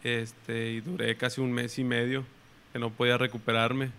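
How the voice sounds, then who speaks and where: A young man with a Mexican Spanish accent, a pitcher telling a story in relaxed, slangy chat. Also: normal speed, a little hiss or hum. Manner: relaxed, slangy, retells his own and coaches' words. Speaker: guest baseball pitcher.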